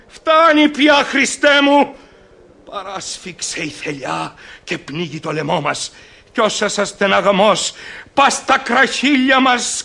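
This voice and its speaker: A man's voice: high-pitched, vocal fry, bright, forceful tone, exaggerated voice. An actor playing a lamenting man of a besieged city, mournful and declamatory, in an old radio drama. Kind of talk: classic radio drama acting. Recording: old archival radio recording.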